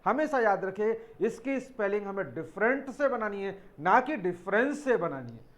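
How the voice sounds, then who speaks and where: A high-voiced man with lively intonation and a normal speed runs an English spelling class for exam preparation. Step by step, he explains every word, spells it out one letter at a time, and refers to his students as children.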